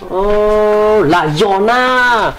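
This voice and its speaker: A woman acting in an amateur drama, speaking in a halting, repetitive way. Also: mid-range voice, soft background music, low-quality recording.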